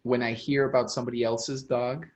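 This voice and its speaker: Halting man on a dull podcast line. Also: medium pitch, flat delivery. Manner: halting, repeats words, supportive listener. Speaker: podcast co-host. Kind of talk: casual podcast chat.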